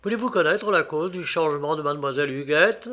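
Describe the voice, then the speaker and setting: A man's voice: a little high, quick pace, pushed and bright. A man playing a bitter, heartbroken young village man who speaks with plaintive anguish in a read-aloud story.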